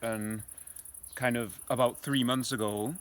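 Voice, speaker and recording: A man in his thirties from the United Kingdom, giving a relaxed, rambling tour outdoors with many ums. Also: mid-range voice, unhurried. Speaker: architect giving a house tour. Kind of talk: casual guided tour. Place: outdoors in the countryside.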